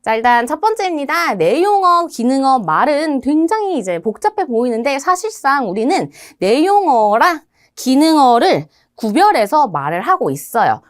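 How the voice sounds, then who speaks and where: A young woman teaching exam listening skills in a studio video lecture, with an animated teacherly delivery, asking questions and answering them herself. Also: high-pitched. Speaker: TOEIC listening instructor. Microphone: studio microphone.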